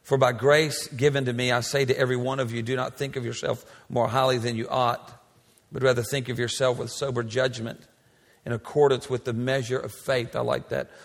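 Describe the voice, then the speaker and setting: Pastor, male, 40s. Emphatic, repetitive sermon delivery; mid-pitched voice, long hall reverb. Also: level tone, a little fast, creaky. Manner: emphatic, repetitive preaching cadence. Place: large church sanctuary.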